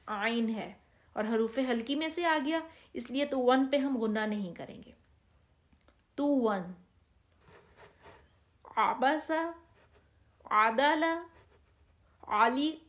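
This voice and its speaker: A woman with a Pakistani Urdu accent teaching Quran reading, explaining rules step by step and slowly drawing out each practice word. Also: fairly high pitch, darkish tone. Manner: patient, drawn-out reading of practice words. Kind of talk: step-by-step recitation lesson.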